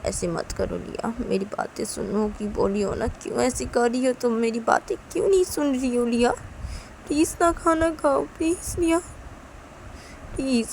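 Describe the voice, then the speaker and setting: A woman voicing a young mother who is crying and pleading in a shrill, repetitive way, for a homemade story. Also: moderate pace, creaky, hardly any pauses, a little mellow, a little hiss or hum.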